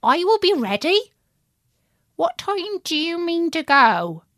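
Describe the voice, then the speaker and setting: A woman voicing a plucky young male pig in a storybook reading, pitching up high and speaking loudly. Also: sing-song, slow, dry recording, clean studio sound, heavily acted. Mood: perky. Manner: squeaky high, loud defiant delivery.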